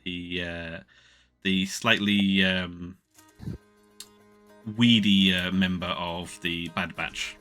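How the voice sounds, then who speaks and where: A man running a tabletop game as game master, chatty and halting, laughing often. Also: deep voice, steady tone, pushed and bright, faint music behind.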